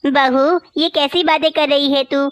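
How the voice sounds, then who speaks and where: A woman's voice: high voice, fairly even intonation, measured pace, no echo. A woman voicing an elderly female crow, a meek mother-in-law in a cartoon, pleading and complaining. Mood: plaintive. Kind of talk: cartoon voice acting.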